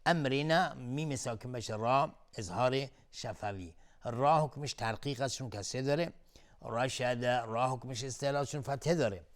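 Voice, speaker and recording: A man teaching tajweed on television, chanting verses slowly and melodically, then explaining each recitation rule in a calm spoken voice. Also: medium pitch. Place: television studio.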